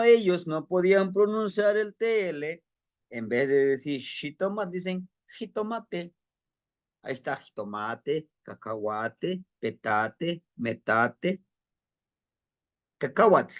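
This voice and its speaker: Mexican-accented male language teacher, patient drill reader, slightly high voice. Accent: Mexican Spanish. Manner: repeats words slowly for learners to practice, checks with "¿no?". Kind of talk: slow, patient language lesson.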